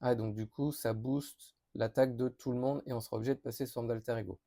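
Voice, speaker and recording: A man talks through new game cards in a loose, chatty preview. He reads each card, stumbles, corrects himself and reacts as he works it out. His voice sits at a middling pitch, neither high nor low. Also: steady tone, quick pace, creaky, warm tone. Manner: thinking aloud, reading cards with many fillers and restarts. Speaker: board game youtuber. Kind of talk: casual card preview commentary.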